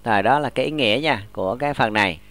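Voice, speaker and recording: A man, teaching English grammar in a classroom lesson, explaining slowly and often checking that students follow. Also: medium pitch, fairly bright tone, no room sound. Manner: models English example sentences slowly.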